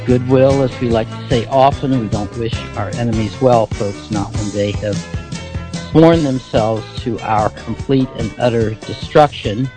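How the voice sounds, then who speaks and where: Male radio monologist, mid-pitched, thick-tongued and slurred, halting delivery with folksy asides to the audience. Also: over music, poor audio. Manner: halting, with frequent pauses and folksy asides to listeners. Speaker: host of a political broadcast. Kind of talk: solo talk-show monologue.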